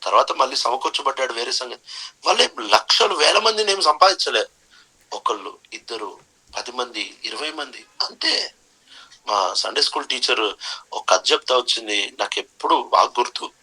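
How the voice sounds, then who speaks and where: A man's voice: medium pitch, very animated, normal speed, bright, forceful tone, breathy edge, low-quality recording. A man preaching a sermon, emphatic, repeating key phrases and dropping in English phrases.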